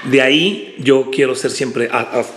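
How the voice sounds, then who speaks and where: A man, a preacher guest on a podcast, telling a personal story in an animated way, often repeating words and acting out quotes. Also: medium pitch, a little slow. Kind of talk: casual storytelling chat. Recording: echoey room with faint background noise.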